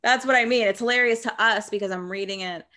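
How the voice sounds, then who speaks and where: A woman's voice: mid-range voice, quick pace. A woman co-hosting a podcast, chatting casually and laughing often while reading a script aloud. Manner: giggly, animated, swears. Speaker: podcast co-host. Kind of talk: casual chat during a table read.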